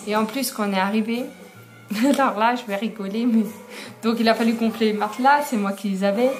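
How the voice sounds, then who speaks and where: A woman's voice: a little high, fairly even intonation, brisk, soft background music. A young woman telling a story in a casual vlog, chatty, with many fillers and frequent laughs. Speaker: vlogger.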